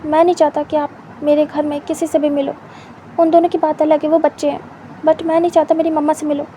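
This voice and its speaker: A woman's voice: high voice, level tone, a little fast, dark tone, a little hiss or hum, close to an everyday voice. A woman voicing a shy, flustered young man who protests in a huffy way.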